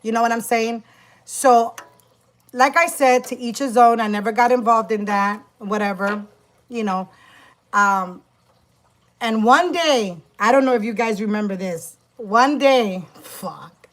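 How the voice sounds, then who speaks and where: A woman's voice: on the high side, a little slow. A woman vlogging about her work as a witch, telling a story in an emphatic, profane way with many restarts. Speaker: spiritual practitioner and YouTuber. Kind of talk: casual vlog storytime.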